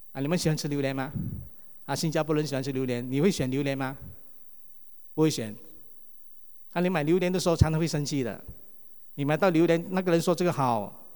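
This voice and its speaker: A male pastor, preaching a sermon and asking the congregation question after question. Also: mid-range voice. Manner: lively, asks the congregation many rhetorical questions. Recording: long reverb of a hall.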